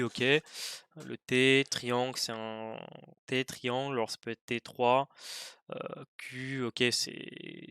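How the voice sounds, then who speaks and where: Young male tutor, bright and crisp, thinks aloud, dry close mic. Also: medium pitch, no room sound. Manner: thinks aloud, hesitant with many fillers. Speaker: test-prep tutor. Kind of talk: informal worked-example lesson.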